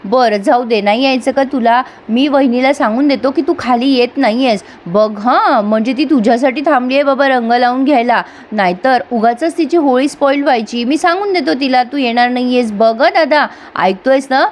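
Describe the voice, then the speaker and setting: A playful young brother-in-law coaxes and teases, read out by a woman with a fairly high voice. It is a TV serial recap. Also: moderate pace, few pauses, slight background noise, lightly acted. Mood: teasing. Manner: coaxing, teasing.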